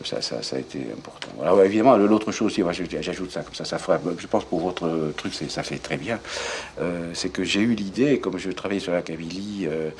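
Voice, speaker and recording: An older man from southwest France being interviewed, talking reflectively and haltingly, restarting his sentences as he thinks aloud. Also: deep voice, darkish tone, a little hiss or hum.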